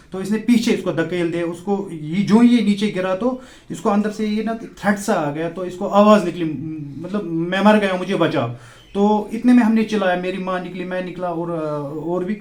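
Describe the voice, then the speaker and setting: Halting man in a street interview. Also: high-pitched, darkish tone. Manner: halting, with many fillers, growing urgent. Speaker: shop owner telling of a fire. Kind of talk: on-the-spot news interview. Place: outdoors beside a burnt shop.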